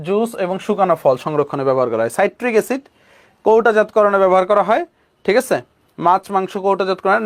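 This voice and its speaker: A young man tutoring chemistry online with a Bangladeshi Bengali accent, repeating key terms and checking in with students. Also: high voice. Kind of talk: online admission coaching class.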